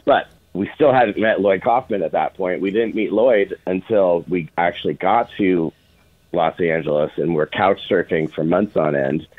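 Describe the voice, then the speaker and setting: Over a thin, band-limited, phone-like line, a low-voiced middle-aged film producer shares casual anecdotes as an interview guest. He keeps things informal and quotes conversations from the past as he tells them.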